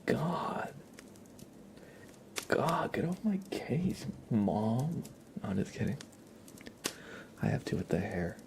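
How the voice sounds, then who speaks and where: Close to the microphone, a man with a mid-range, gravelly voice whispers through an ASMR livestream, very animated yet slow, pausing often. His nose sounds stuffy, and he chats casually with viewers in playful, teasing banter against a noisy background.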